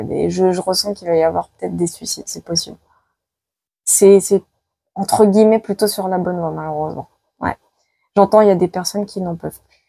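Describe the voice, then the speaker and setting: Femme voyante à la voix grave et éraillée. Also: female voice, fairly low pitch, gravelly, mellow, breathy edge, no room sound. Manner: dramatic, repeats phrases, frequent exclamations. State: worn out by the heat. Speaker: psychic card reader. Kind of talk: live tarot prediction video.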